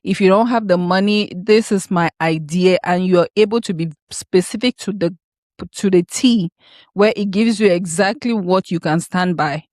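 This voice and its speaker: A woman's voice: on the low side, normal speed, darkish tone, dry recording. A woman co-hosting a podcast, explaining her view earnestly and circling back to her points in casual chat. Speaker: podcast co-host.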